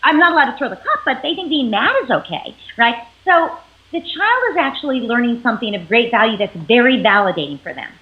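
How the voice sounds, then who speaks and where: A woman psychologist explaining parenting as an interview guest, animated and acting out what parents and children say. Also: fairly high pitch, a little fast. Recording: tinny phone-like line.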